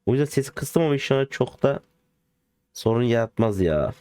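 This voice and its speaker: A man giving casual gameplay commentary as a gaming video host, excitable and joking, playfully swearing and talking to the cars. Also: medium pitch, fairly quick, poor audio. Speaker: gaming YouTuber. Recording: game car sounds in the background. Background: game engine and car noise.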